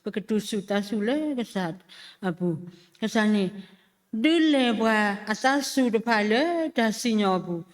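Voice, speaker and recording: A woman giving a spoken testimony at church, halting and full of fillers and repeated syllables. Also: mid-range voice, expressive. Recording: long reverb of a church hall.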